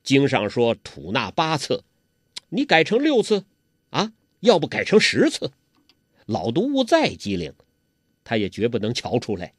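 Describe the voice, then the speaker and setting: A man's voice: mid-range voice, huge pitch swings, measured pace, no echo, studio quality. A man voicing an old male beggar martial arts master with coarse, scolding, chuckling speech. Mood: gruff, scheming.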